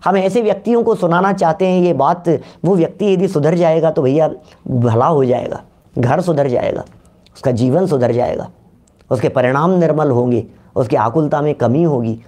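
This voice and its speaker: Man giving a jain discourse, lively, keeps asking the crowd things, recites verses slow. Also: fairly high pitch. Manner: lively, questioning listeners, reciting scripture slowly. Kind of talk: religious discourse.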